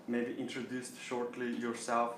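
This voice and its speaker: A man gives a casual lecture, friendly and halting, with plenty of ums. His voice sits at an ordinary pitch and carries around an echoey room. It is picked up from a distance, with faint noise behind. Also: completely flat delivery, fairly bright tone. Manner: friendly, hesitant, many ums. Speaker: lecturer, attorney. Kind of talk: informal lecture.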